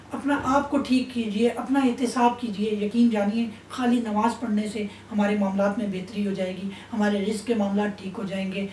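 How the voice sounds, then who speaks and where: A woman's voice: a little high, mellow, slight background noise. A woman giving an Islamic sermon in a stern, admonishing tone. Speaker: religious speaker. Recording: roomy echo, distant mic.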